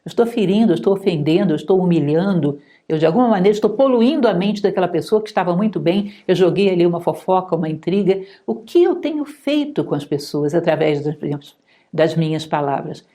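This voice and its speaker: A middle-aged woman with a Brazilian Portuguese accent, giving a calm, measured philosophy lecture. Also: on the low side. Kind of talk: spoken lecture.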